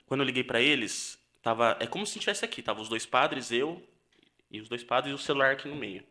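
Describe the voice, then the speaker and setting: A young Brazilian man, a seminarian, giving an earnest personal testimony on a podcast, halting and restarting as he tells it. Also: medium pitch, expressive, sharp tone. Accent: Brazilian Portuguese. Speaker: seminarian guest.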